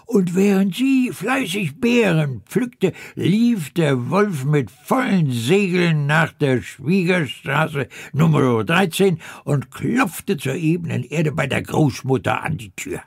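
A man's voice: on the high side, expressive, takes it slowly, creaky, few pauses, breathy edge, no echo, clean studio sound. A man reading a comic fairy tale aloud in a droll, theatrical way, with dramatic swoops and wry asides. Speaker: reader.

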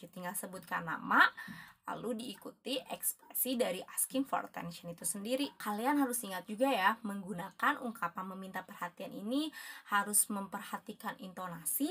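Woman teacher from Indonesia, cheerful video lesson, bright clear tone, friendly and chatty with students. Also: medium pitch. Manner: cheerful, addresses students as guys, shifts between Indonesian and English examples. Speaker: English teacher.

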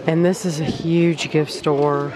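A woman's voice: low voice, flat delivery, takes it slowly. A woman narrating a casual travel vlog as she films in a large shop. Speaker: vlogger. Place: large gift shop at rest stop. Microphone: handheld camera, held by speaker. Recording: busy shop with crowd chatter.

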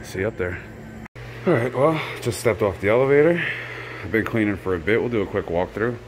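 A man casually narrating a handheld walkthrough of a campus building and its rooftop greenhouse, talking in a relaxed, offhand way as he walks. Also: on the low side, fairly quick, noisy background. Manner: relaxed, offhand commentary while walking. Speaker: vlogger giving a walkthrough. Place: campus grounds outdoors and building interior with greenhouse. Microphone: handheld camera.

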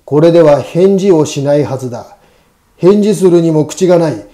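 A man voicing a gruff, menacing samurai ghost with a booming voice and rough, commanding archaic speech, in a ghost story reading. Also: expressive, moderate pace, mellow, close to an everyday voice. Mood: grim resolve.

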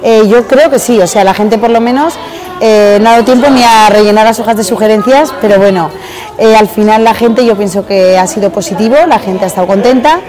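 A woman's voice: mid-range voice, fairly quick. A woman in her forties, the organizer of a fair, answering interview questions hesitantly with many fillers in a busy hotel hall. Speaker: event organizer. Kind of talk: on-camera interview. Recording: crowd chatter behind.

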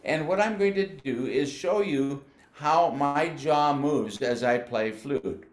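An older man from the United States teaching band, explaining flute technique patiently and sounding out syllables slowly. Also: fairly high pitch, echoey room. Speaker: music educator. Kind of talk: instructional demonstration.

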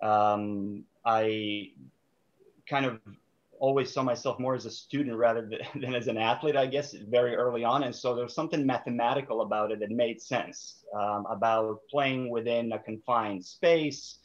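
A Serbian man in his thirties, a sport psychologist appearing as a guest, speaks thoughtfully over a video call from a small room, using many fillers and restarts. His mid-range voice is steady at normal speed, captured by a webcam with dull lo-fi call audio.

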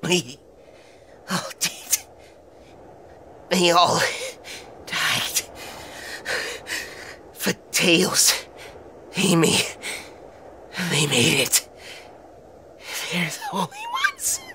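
Dying hedgehog hero, played by a man, very slow. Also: fairly high pitch, wildly swooping pitch, pushed and bright, a little hiss or hum, exaggerated voice. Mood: grieving. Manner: halting, strained, broken phrases. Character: wounded, dying anthropomorphic male hedgehog hero, bitter yet defiant. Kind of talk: fan audio drama acting. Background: dramatic music.

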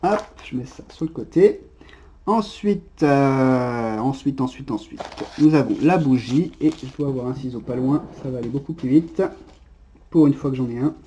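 Man, casual unboxing presenter: deep mellow tone, relaxed and chatty, hesitant fillers. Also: a little hiss or hum. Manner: unhurried, chatty, peppered with "hop" and hesitations.

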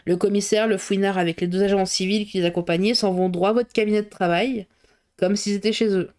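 A woman's voice: mid-range voice, fairly even intonation, a little fast, a little mellow, natural voice. Breathless rambling gossip cook, as a woman reader puts her on, chatty and colloquial. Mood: gossipy.

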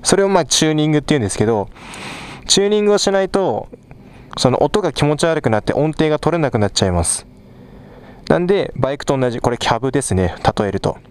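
Speaking fast and animatedly, a young man with a fairly high, clear and resonant voice explains the instruments he's playing in a small rehearsal studio. The vlogger records on a small clip mic attached to a head-mounted camera, with live drums and guitar sounding behind him.

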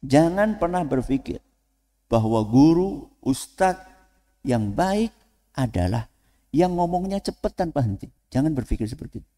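A man preaching to students in a lively way, asking the audience questions and then answering them himself. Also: fairly high pitch, unhurried, long pauses. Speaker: Islamic preacher. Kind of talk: lecture to students. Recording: long hall reverb.

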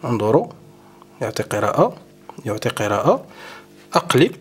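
A man hosting an electronics tutorial, explaining a hands-on demonstration step by step and often pausing with fillers. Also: medium pitch, very animated, slightly rough. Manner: explanatory, keeps saying "look" to viewers, frequent hesitations.

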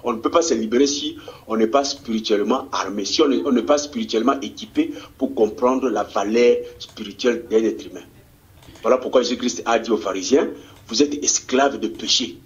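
A brisk, medium-pitched man from DR Congo, a political activist in the Congolese diaspora community in Australia, answers an interview with fervent, rousing energy. He often stumbles and repeats words. The TV recording is dull and lo-fi.

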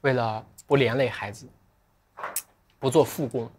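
Man chatting on a livestream, even-pitched. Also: slight background noise. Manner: reflective, joking, drifts into slow careful English. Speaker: livestream sales host. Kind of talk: casual livestream chat.

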